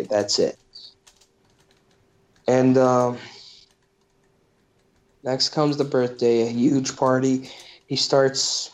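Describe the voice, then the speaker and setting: A man chatting on a podcast, rambling loosely through a movie's plot with plenty of ums and uhs. His voice sits at an ordinary middle pitch. The recording sounds dull and lo-fi. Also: a little mellow. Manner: rambling, filler-heavy retelling. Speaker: podcast host. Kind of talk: casual movie recap.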